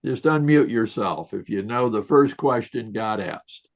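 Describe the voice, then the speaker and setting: A man's voice: fairly low pitch, animated, a little slow. A man giving a folksy, storytelling leadership talk to an online group, chuckling and asking rhetorical questions. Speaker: leadership speaker. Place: online video session.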